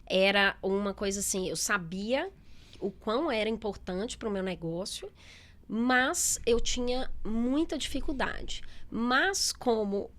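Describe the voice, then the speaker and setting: A middle-aged businesswoman in a relaxed interview, talking candidly with many fillers and quoted asides. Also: on the high side, slow. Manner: chatty, candid, lots of fillers and quoted speech. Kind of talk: casual interview talk.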